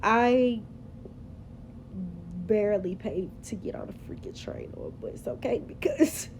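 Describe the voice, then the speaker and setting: Chatty woman with a mellow voice. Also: medium pitch, wildly swooping pitch, a little slow, slight background noise, rough recording. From Memphis, Tennessee, US. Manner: chatty, sassy, rambling with fillers. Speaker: vlogger. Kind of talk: casual confessional vlog. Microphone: phone camera.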